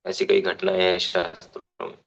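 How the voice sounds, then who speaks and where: A man's voice: fairly low pitch, wildly swooping pitch, moderate pace, creaky, a bit bright, dull audio. A man giving a devotional scripture class, explaining unhurriedly, restating phrases and giving everyday examples.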